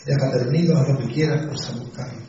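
Pastor preaching in an echoey hall. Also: male voice, medium pitch, fast, noisy background. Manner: conversational, frequent "¿sí?" and "¿sabes?" asides. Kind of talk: sermon with personal anecdote. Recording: dull distant echoey church hall.

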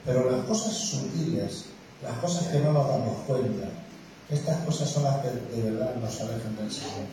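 Pastor, male, mellow dark tone, heartfelt conversational sermon, recorded far off in a reverberant church. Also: mid-range voice, expressive, moderate pace, a little hiss or hum. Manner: conversational preaching with frequent tag questions; emotional, tearful. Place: church hall.

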